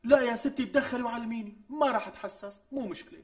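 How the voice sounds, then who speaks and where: An actor playing a harried young husband short of money, with a Syrian Damascene accent, protesting in exasperation. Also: male voice, extremely high pitch, rapid-fire. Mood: exasperated. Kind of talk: TV sketch acting. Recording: distant mic with faint music.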